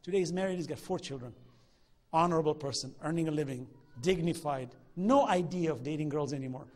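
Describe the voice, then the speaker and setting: A middle-aged man teaching a religious class, telling stories in a lively way and acting out what people said. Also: a little high, a little fast. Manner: animated storyteller acting out quoted dialogue. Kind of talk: lecture with anecdotes.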